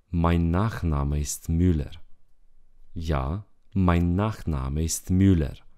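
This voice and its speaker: Very deep, slow-spoken male language teacher. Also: dark tone. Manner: slow, repeats each phrase twice. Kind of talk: bilingual language lesson.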